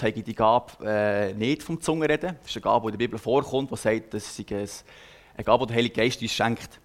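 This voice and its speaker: Earnest young Swiss preacher. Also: male voice, medium pitch, fairly bright tone. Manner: earnest, conversational storytelling with frequent hesitations. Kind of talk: personal sermon.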